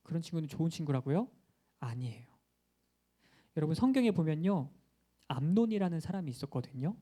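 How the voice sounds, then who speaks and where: Mellow-voiced pastor preaching to children. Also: male voice, on the high side, big pitch swings, brisk. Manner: playful, talks with children, acts out quotes. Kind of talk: children's sermon.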